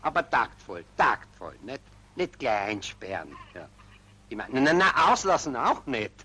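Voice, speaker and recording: A baffled, stammering husky official. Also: male voice, mid-range voice, sing-song, measured pace, pushed and bright, full character voice. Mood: hesitant. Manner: stammering, exclaiming, flustered. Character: bewildered, fussy male official. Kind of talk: 1940s film acting.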